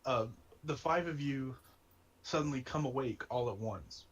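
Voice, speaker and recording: A man narrates as game master of a tabletop game. His voice is husky and breathy at a medium pitch. He talks casually and wryly and laughs easily. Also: a little slow. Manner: laughing often, casual and wry. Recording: streamed game session.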